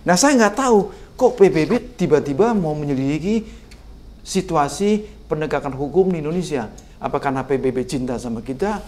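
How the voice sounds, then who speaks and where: Older man, emphatic, animated, guest expert, podcast interview. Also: fairly high pitch, fairly quick. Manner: emphatic, animated, sprinkles "Pak" often. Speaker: guest political communication expert.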